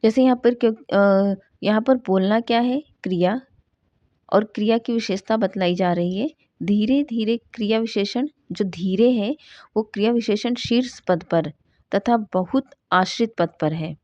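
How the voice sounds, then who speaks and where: A woman teaching a grammar class at a middle pitch. She asks a question, then answers it herself, and slows down to read each example sentence. The recording is dull and lo-fi, with a dry, close sound. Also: mellow, no echo. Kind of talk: Hindi grammar lesson.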